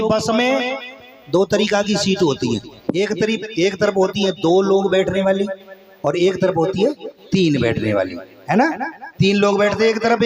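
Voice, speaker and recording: A male comedian telling a story live in a chatty rustic village manner, talking straight to the audience. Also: sits high.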